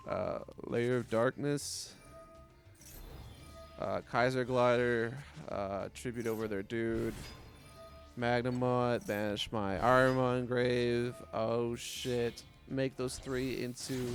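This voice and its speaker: A man giving casual gameplay commentary, swearing often, mocking his opponents and laughing between plays. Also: medium pitch. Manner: profane, trash-talking, laughs often. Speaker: gaming commentator.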